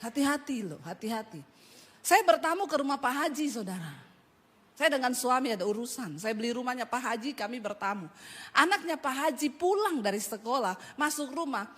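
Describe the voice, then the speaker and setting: A middle-aged woman pastor, preaching a sermon with animated storytelling. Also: high-pitched, brisk, husky, long reverb tail. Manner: animated storytelling, acting out voices.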